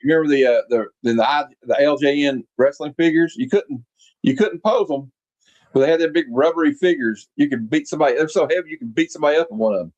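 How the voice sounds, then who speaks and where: A man in his late forties chats casually as host, rambling through memories with plenty of filler words. His voice sits a little high, and the recording sounds somewhat dull and lo-fi. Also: fast talker, darkish tone. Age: 40s. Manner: rambling, reminiscing with many fillers. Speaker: podcast host. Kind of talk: casual chat.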